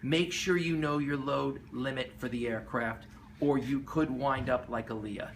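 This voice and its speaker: A man's voice: medium pitch, a little slow. A man giving explanatory commentary in an emphatic, earnest, cautionary way, like an instructor. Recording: clear background noise.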